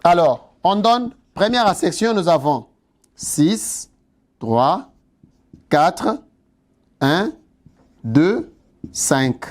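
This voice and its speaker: A man gives an exam-preparation lesson in an unhurried, measured way. His voice sits high for a man. He repeats each key word and turns to the class with quick rhetorical questions. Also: very animated. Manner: slow and deliberate, repeats key words, spells out terms. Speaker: teacher. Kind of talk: exam-prep lesson, dictating and explaining.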